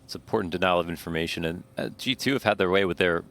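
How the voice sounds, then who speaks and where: A man's voice: sits low, fast, a bit bright. A man giving analytical esports commentary in a conversational tone as the co-caster.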